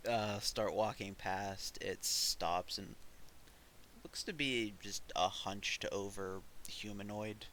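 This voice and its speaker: A man's voice: on the low side, takes it slowly, fairly bright tone. A man narrating a tabletop fantasy game as game master, improvising the scene as he goes. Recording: faint hiss.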